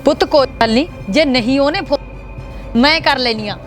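A woman playing a mother who pleads with her angry son to calm down. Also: sits high, normal speed, faint music behind, lightly acted. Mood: pleading. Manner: pleading, calming. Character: soothing mother, anxious to keep peace. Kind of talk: web series drama acting.

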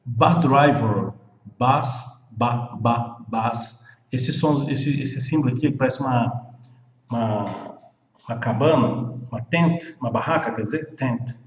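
A man from Brazil teaching English pronunciation, slowly repeating each word many times. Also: mid-range voice. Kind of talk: pronunciation lesson. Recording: dull echoey room, long reverb.

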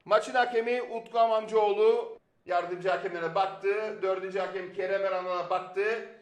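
A man's voice: sits high, steady tone, moderate pace. A man giving live play-by-play football commentary. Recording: roomy, echoing sound.

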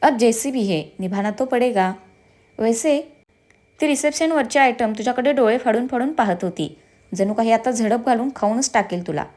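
A woman voicing a lively young bride who scolds and teases her husband in a told story. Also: a little high, moderate pace, close to an everyday voice. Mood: playful. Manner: playful scolding.

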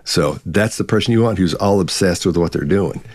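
Fifties guy on a webcam call, lower voice, dry sound, chatty and animated. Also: fairly quick, husky, dry recording. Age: 50s. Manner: animated storyteller, acts out quotes. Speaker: co-host. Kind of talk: casual live Q&A chat. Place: home office with bookshelves. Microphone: video call webcam.

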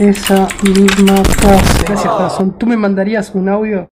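A man's voice: high-pitched, flat delivery, normal speed, heavy background noise. A young man with a Rioplatense accent, commenting casually as a streamer while trolling a chat, mocking, laughing, then disgusted. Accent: Rioplatense Spanish. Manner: mocking, swings between laughing and mock disgust.

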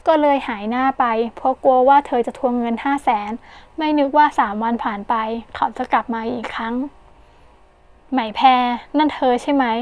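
A woman narrating an audiobook novel in an expressive, storytelling manner. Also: high-pitched.

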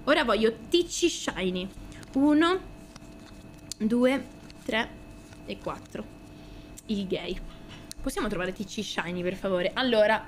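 A young adult woman with an Italian accent, chatting casually on a stream, excitable, swearing often and shrieking when she gets excited. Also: on the high side, slight background noise. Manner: excitable, squeals and shouts at pulls, swears often. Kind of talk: casual card-opening stream chat.

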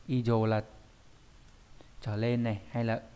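A man's voice: medium pitch, completely flat delivery, measured pace, dark tone, clean tone. A male teacher walks students through a Japanese grammar point in an online lesson. He explains patiently and thinks aloud with small fillers. He keeps checking whether they follow. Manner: explains patiently, often checks with "đúng không?".

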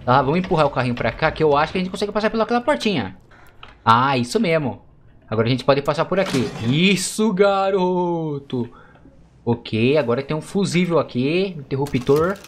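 A man from Brazil giving excitable, chatty let's play commentary to his viewers. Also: on the high side, moderate pace, slight background noise. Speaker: gaming YouTuber.

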